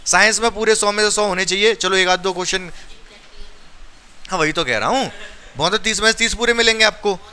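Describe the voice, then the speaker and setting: A man's voice: high voice, fairly quick, long pauses, bright, forceful tone. A male maths teacher teaching a class step by step, counting aloud and urging his students. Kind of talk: classroom lesson.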